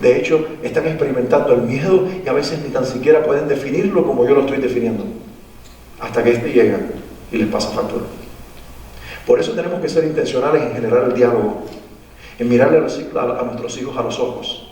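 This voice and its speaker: A man's voice: medium pitch, a little fast, darkish tone. A man gives a public lecture to parents in a school theater. He speaks earnestly and repeats phrases for emphasis. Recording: echoey hall, voice from far off.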